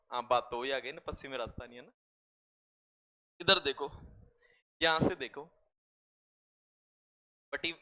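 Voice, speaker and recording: High, bright-voiced chatty math teacher. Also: male voice. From Rajasthan, India. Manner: chatty, addresses students as beta, jokes and asides. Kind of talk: classroom lecture.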